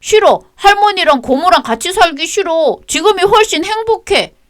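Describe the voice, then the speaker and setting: A woman's voice: very high voice, lively intonation, normal speed, voice pushed up. A woman voicing a stubborn young schoolboy who stands up for his mother in a radio drama. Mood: defiant. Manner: pleading, stubborn.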